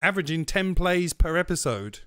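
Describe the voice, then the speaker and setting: Man, podcast co-host, rambling casual chat, slightly high voice, dry close sound. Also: expressive, normal speed, bright, forceful tone, clean tone, no echo. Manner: chatty, rambling, laughs often.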